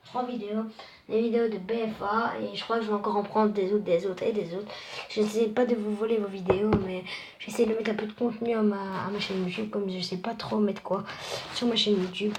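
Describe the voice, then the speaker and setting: A woman's voice: medium pitch, fairly even intonation, a little fast, darkish tone, a little hiss or hum. A woman casually introducing a video she reposts on her channel, rambling and apologetic. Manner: rambling, apologetic, talks with restarts.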